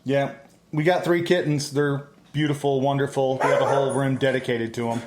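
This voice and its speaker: A man's voice: mid-range voice, flat delivery, fairly quick, reverberant, very noisy. A man co-hosting a casual podcast at home, joking with his co-host and plugging local spots. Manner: jokey, banters and plugs local spots. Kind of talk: casual chat. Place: home, room with pets.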